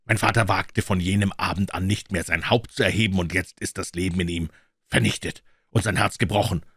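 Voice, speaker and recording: A man's voice: low-pitched, fairly even intonation, a little fast, a bit bright, husky, no room sound, clean studio sound, full character voice. A man reading as a distressed young friend. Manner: urgent, anguished.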